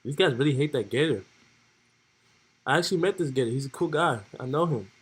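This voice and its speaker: A man's voice: medium pitch, expressive, fairly quick, slightly rough, rough recording. A young man streaming, laid-back and joking as he reads role-play text aloud in casual commentary.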